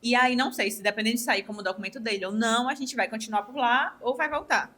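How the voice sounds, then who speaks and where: A woman's voice: on the high side, fast, pushed and bright. A woman in her twenties with a Brazilian accent from Ceará, chatting as a podcast guest and acting out quoted dialogue with animation. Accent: Ceará Brazilian Portuguese. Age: 20s. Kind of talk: casual interview chat.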